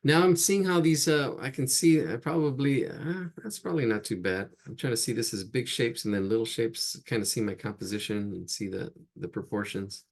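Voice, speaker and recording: A man's voice: mid-range voice, brisk, few pauses. A man teaching a live online drawing class, chatty and laughing at his own jokes as he sketches. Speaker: drawing instructor.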